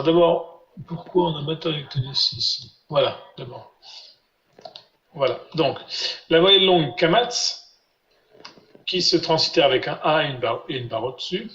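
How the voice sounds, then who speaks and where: A man teaching a live online class, patiently repeating syllables slowly for his students over a video call. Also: fairly high pitch, fairly bright tone. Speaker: Biblical Hebrew teacher. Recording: roomy, dull lo-fi sound.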